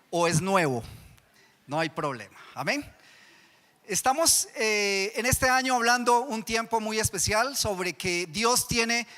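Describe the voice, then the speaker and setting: Preaching a sermon in a church hall, a pastor with a Colombian accent repeatedly puts questions to the congregation. His voice is very high, bright and forceful, carried by the hall's reverb.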